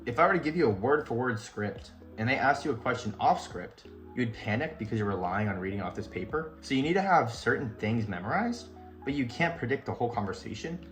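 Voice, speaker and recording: A man's voice: medium pitch, animated, fairly quick, fairly bright tone, faint music behind. A young man giving direct, casual job search advice to viewers in an upbeat tone. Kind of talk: instructional video talk.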